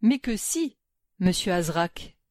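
A woman's voice: fairly low pitch, animated, takes it slowly, darkish tone, no echo, clean studio sound. A woman voicing an irritated elderly mother who questions people sharply and incredulously. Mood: insistent.

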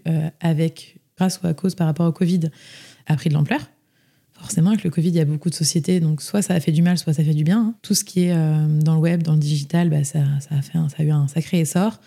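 A woman's voice: on the low side, mellow. A young woman telling her story as a podcast guest, chatty, with many fillers and restarts. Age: young adult. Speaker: interview guest. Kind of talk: casual podcast interview.

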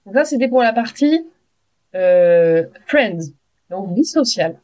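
A woman's voice: mid-range voice, lively intonation, takes it slowly, mellow. A woman co-hosting a podcast, explaining in a chatty way with examples and fillers. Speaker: podcast co-host. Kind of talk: casual explanatory chat.

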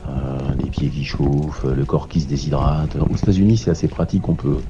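An amateur ultra-distance cyclist from France, a man in his forties, chats casually in an interview about a long bike race. His voice is extremely low and a bit fast, and he's hesitant, full of fillers and dry jokes. The lo-fi, dull recording has heavy background noise and music playing behind him.

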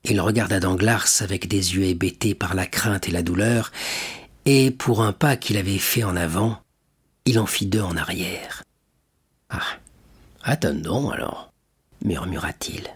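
A man narrating a classic novel as an audiobook reader, in a steady, measured way. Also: sits low, husky.

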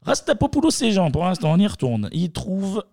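A man hosting a podcast, recapping a film in an animated, sarcastic way. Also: high-pitched, fairly quick, no echo, clean studio sound. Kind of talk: casual chat.

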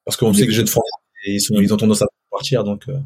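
A man's voice: on the low side, flat delivery, quick pace, darkish tone, slightly rough. A man co-hosting a casual podcast, putting long, winding questions to a guest with fillers. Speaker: co-host asking questions.

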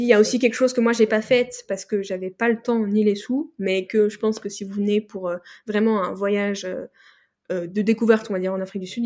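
A young woman from France chats as a podcast guest, her voice sitting at an ordinary middle pitch. She rambles through her stories, circling back with frequent fillers and restarted phrases. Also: darkish tone. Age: young adult. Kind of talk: casual interview chat.

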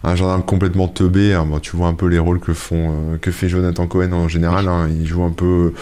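Deep voiced guy chatting about a movie he saw, lots of euh and hein. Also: little pitch movement, a little fast, dark tone. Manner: rambling, hesitant, frequent "euh" and "hein". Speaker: podcast co-host. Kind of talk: casual chat, reviewing a film.

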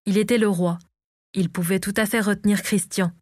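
Calm woman narrating an audiobook. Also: medium pitch, moderate pace, dry recording, studio quality. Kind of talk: scripted narration of a fantasy novel.

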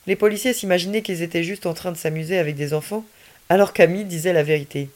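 A woman storyteller reading a children's story aloud in an expressive, lively way. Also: fairly low pitch, fast talker.

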